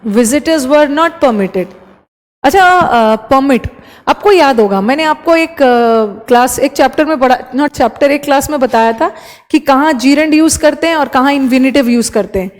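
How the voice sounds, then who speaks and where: A woman teaching an English grammar class online, explaining in Hindi and reading example sentences slowly and carefully. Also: high-pitched, long reverb tail.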